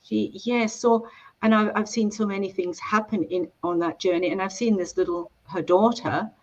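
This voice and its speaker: A Scottish woman, an author, talking in a chatty, animated way on a video call interview. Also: mid-range voice, moderate pace, muffled recording.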